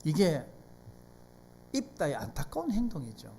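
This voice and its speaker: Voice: mid-range voice, wildly swooping pitch, unhurried, gravelly, mellow, slight background noise. A pastor from South Korea with a Gyeongsang accent, preaching a sermon in a church and putting frequent rhetorical questions to the congregation. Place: church sanctuary.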